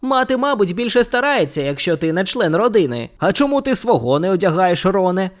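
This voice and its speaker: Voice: mid-range voice, sing-song, brisk, pitched above the performer's own voice, natural voice. The audiobook reader voices a teasing wizard brother with a chirpy manner. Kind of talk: audiobook character reading.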